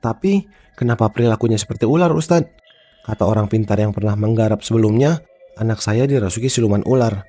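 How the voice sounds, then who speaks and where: A man's voice: fairly low pitch, fast talker, warm tone, faint music behind, close to an everyday voice. A man voicing an anxious, earnestly questioning father in a horror story. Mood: worried. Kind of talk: horror story character dialogue.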